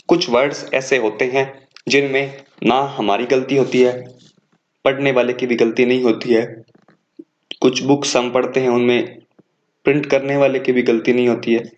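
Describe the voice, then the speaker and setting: Male coaching teacher, mid-pitched voice, lists words and corrects them, slightly lo-fi sound. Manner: lists words one by one, corrects wrong forms. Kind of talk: exam coaching lecture.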